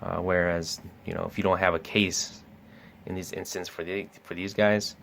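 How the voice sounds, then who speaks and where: A store salesperson casually talks through product features in an easygoing product demo, filling his speech with lots of "uh" and "um." His voice is deep and fairly bright, with a level tone, moderate pace, and vocal fry, and the recording has a little hiss or hum.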